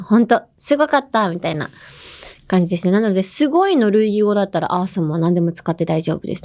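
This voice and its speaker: A young woman hosting a language-learning podcast, chatting casually and explaining how words are used with quick examples. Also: medium pitch, darkish tone. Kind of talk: casual bilingual lesson chat.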